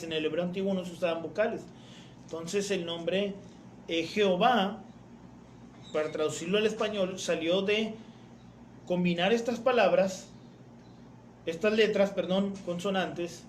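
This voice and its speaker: A man with a high voice gives a teaching sermon, methodically explaining and repeating his main points. He often turns to his listeners as brethren. The sound is roomy and echoing, with a faint hiss behind him. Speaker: preacher teaching doctrine. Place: church.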